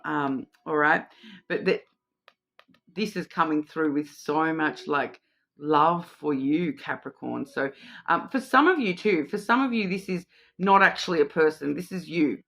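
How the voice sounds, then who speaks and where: This tarot card reader, a middle-aged Australian woman, rambles through an intuitive reading to camera, restarting often and saying um a lot. She has a low, creaky voice with a fairly bright tone.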